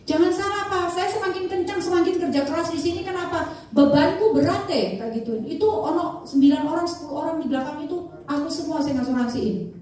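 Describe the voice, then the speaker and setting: A middle-aged woman, giving an animated sales training talk and acting out the people she quotes. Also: very high-pitched, fairly quick. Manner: animated, switches voices to act out quoted people. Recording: very echoey room, voice from far off the mic.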